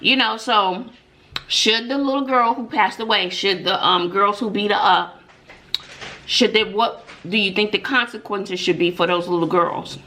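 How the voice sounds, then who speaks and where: A middle-aged woman who teaches middle school and makes mukbang videos shares stories and opinions casually with viewers, emphatically, with rhetorical questions and frequent "mm-mm"s. Her mid-range voice sounds pushed and bright at a measured pace. The low-quality recording carries a little hiss or hum.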